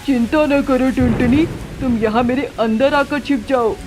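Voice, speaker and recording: A woman voicing a kind male magic watermelon who speaks in a gentle, reassuring way. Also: high voice, unhurried, music in the background.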